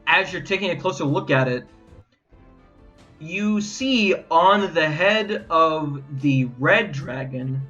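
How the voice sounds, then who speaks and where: A man's voice: fairly high pitch, slow pace, muffled recording, soft background music. A man narrating and joking as game master of a live tabletop game. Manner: animated and playful.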